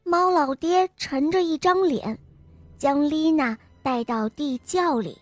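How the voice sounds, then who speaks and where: A woman host reading a fairy tale for children in a gentle, clear, unhurried way. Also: sits high, no echo, faint music behind. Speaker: storyteller host.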